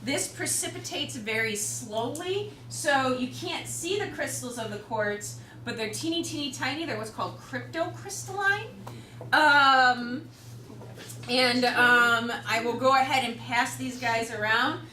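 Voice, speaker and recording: A woman's voice: sits high, unhurried, pushed and bright. A woman with a Chicago accent teaching a class, chatty and joking, with many fillers. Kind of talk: classroom lecture. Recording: roomy classroom from far off with noise.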